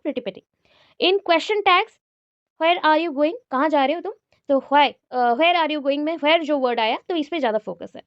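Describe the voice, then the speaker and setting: Woman teacher, high voice, explains example sentences, dull dry recording. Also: dry recording. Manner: mixes Hindi and English, reads out and explains example sentences. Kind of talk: exam-prep lecture.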